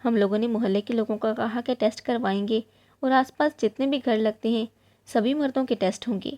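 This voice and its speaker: Mellow higher-voiced woman telling a story. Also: steady tone. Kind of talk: first-person emotional story narration.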